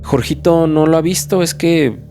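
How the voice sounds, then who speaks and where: A man's voice: on the high side, normal speed, mellow, soft background music, voice pushed up, close to an everyday voice. An anxious village mother pleads for help finding her missing son, as a male storyteller puts her on. Her voice sits slightly raised and strained, and her words come out urgent and begging. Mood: pleading.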